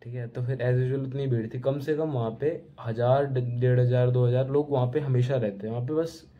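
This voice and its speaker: A man's voice: medium pitch, fairly even intonation, normal speed. A young man telling a rambling, casual travel story to camera from home. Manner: chatty, rambling, keeps saying bhai. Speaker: travel vlogger. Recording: tinny phone-like sound.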